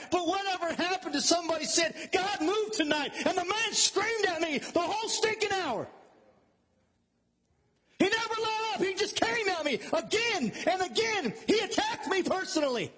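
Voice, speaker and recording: A man preaching a fervent sermon, swinging between shouted peaks and quiet, low intensity. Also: long reverb tail.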